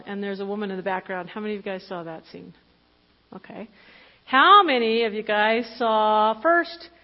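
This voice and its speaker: Fifty-year-old woman preaching in an echoing hall. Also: fairly high pitch. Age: 50s. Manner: candid, conversational, with fillers and self-corrections. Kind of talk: personal testimony sermon. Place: church hall. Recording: dull lo-fi recording with long hall reverb.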